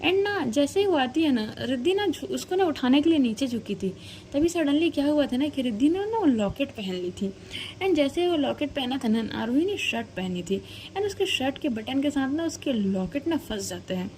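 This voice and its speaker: A woman's voice: high-pitched, expressive, normal speed, a little mellow, slight background noise. A woman narrating a story casually, chatty and slangy, talking to the listener like a friend.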